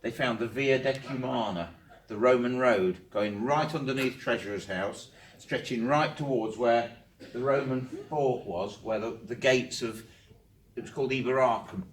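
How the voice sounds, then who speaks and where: A male historian telling ghost stories to a gathered group, lively and animated, doubling back on words as he finds them. His voice is of middling pitch. It sounds roomy and a little distant from the mic. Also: normal speed. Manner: animated storyteller, repeats words while searching. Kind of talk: storytelling talk to a group. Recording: roomy, from far off.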